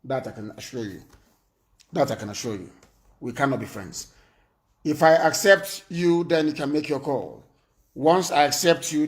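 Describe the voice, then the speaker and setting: Commanding man hosting a call-in stream. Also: on the high side. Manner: commanding, repeats himself, scolds callers. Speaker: live stream host taking calls. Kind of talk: call-in talk show.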